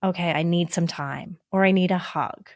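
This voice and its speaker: A woman therapist and author, a guest on a podcast, explaining self-help steps in a gentle, reassuring and instructive way. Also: on the low side, moderate pace, no echo, clean studio sound.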